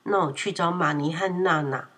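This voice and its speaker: A woman's voice: lowish voice, normal speed, husky. A woman voicing a proud, quarrelsome young boy in a children's story, raising her voice when he gets upset. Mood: childlike. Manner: excitable, shouts when upset.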